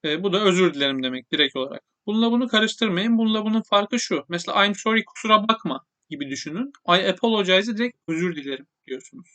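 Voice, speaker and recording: Man, high and bright voice, native Turkish speaker, casual English lesson, slow careful repetition. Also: lively intonation. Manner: explains slowly, repeats English phrases carefully. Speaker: English teacher.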